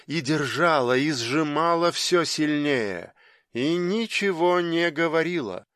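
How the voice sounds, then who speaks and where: Slow, measured male audiobook narrator. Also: mid-range voice, a bit bright, smooth, no echo, clean studio sound. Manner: measured, dramatic storytelling.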